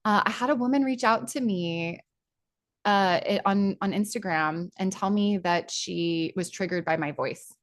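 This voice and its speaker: A woman leading an online spiritual workshop, talking in a chatty, excitable way with many restarts, over a video call. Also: medium pitch, unhurried. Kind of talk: informal spiritual teaching talk.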